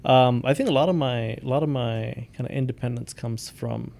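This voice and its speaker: Guy from india, dark gravelly voice, pauses and ums a lot, faint rumble behind. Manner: thoughtful, many ums and restarts. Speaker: company founder and CEO, guest. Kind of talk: interview answers.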